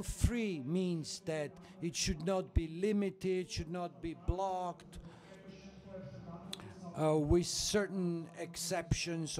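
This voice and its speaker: A man's voice: a little high, dark tone. A man giving a conference presentation in careful English, hesitant, with frequent fillers. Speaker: panel speaker. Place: conference hall.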